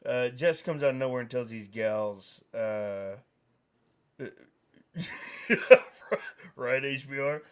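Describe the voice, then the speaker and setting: A man's voice: mid-range voice, slow, pauses often, clear, resonant tone. A middle-aged man hosting a stream, telling a story in casual chat, mimicking other voices and laughing often. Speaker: streamer host.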